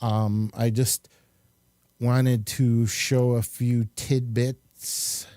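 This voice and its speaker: A man presenting his show casually, halting as he goes, with frequent pauses. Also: mid-range voice, flat delivery, warm tone, no echo. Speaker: show host and filmmaker.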